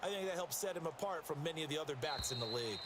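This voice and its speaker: A man's voice: fairly high pitch, expressive, racing, natural voice. A man acting as a football color commentator in a video game, explaining plays in a chatty way. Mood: analytical. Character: talkative male football analyst, explaining plays to partner. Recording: loud game ambience noise.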